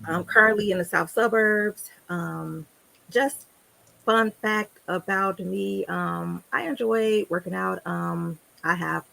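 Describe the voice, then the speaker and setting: A middle-aged woman from the south side of Chicago, a guest author on a video call interview, who speaks in a measured way and pauses often with "um.". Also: mid-range voice, gravelly, pushed and bright, low-quality recording. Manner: measured, pausing with "um".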